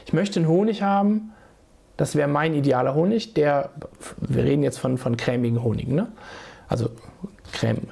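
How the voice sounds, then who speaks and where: In a small home room, a fortyish man with a cold talks to his desk webcam, walking viewers through beekeeping in a casual how-to video. The voice is fairly high, creaky, mellow and husky, hoarse from illness, at a moderate pace. He chats away, addresses the audience directly and often starts sentences over.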